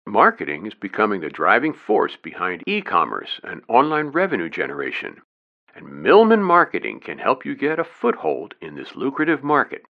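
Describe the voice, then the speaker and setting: Male phone-prompt voice: low, gravelly, very lively, courteous and polished, dull lo-fi line. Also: normal speed. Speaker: voice-over announcer. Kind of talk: scripted phone-system messages.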